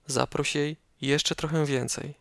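A man narrating a guided meditation slowly and calmly, giving measured instructions with pauses, close up as if right in your ear. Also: fairly high pitch, gravelly, no room sound.

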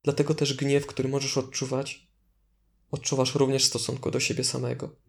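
Male meditation guide, mid-pitched and level, calm, deliberate delivery with gentle instructions. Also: gravelly.

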